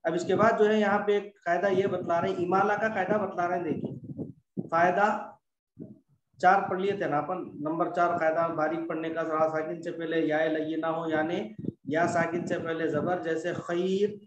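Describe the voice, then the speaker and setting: High-voiced man teaching tajweed, echoey room. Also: level tone, normal speed, recorded from a distance, lo-fi sound, noisy background. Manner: patient, repetitive explaining, stretches out example words. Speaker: Quran recitation teacher. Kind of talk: classroom lesson on tajweed rules.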